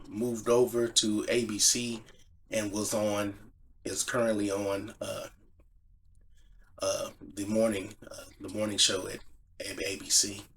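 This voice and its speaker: A man's voice: lowish voice, fairly bright tone, a little hiss or hum. A man giving casual sports commentary, emphatic, restating phrases to drive each point home. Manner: emphatic, repeats phrases for stress.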